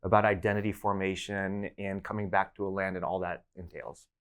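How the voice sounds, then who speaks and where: A middle-aged man from the United States, guesting on an interview show. His voice sits slightly low, and he speaks in a relaxed, storytelling way, circling back with fillers and restarts as he recalls personal experiences. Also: a little fast, smooth. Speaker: guest professor. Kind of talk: conversational interview.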